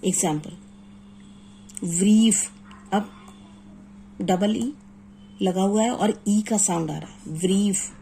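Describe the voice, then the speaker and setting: A woman teaching an exam-prep grammar lesson, reading English rules slowly word by word and then explaining them. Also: mid-range voice, creaky, warm tone, slight background noise, poor audio.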